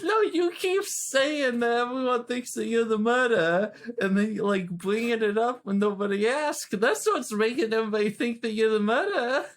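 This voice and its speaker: Barely pausing, a woman with a slightly high voice talks in an animated way at a moderate pace. She's improvising casually in character during a tabletop role-playing game, with flippant, slangy, hesitant phrasing.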